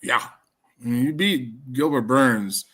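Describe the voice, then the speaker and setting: A man with a Wisconsin accent hosts a casual podcast conversation. He talks in a loose, rambling way, often restarting his sentences and circling back before landing a point. His voice sits in an ordinary middle pitch. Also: takes it slowly, pushed and bright, breathy edge. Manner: rambling, many restarts and fillers. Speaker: podcast host. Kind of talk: casual chat.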